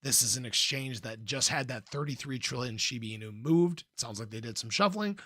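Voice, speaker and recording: A crypto commentator hosts an informal, playful livestream, chatting casually and reading and answering viewer comments. His mid-range voice is pushed, bright, and a little fast, but slightly hoarse as he loses it, and he clears his throat often. The recording is studio quality with no room sound.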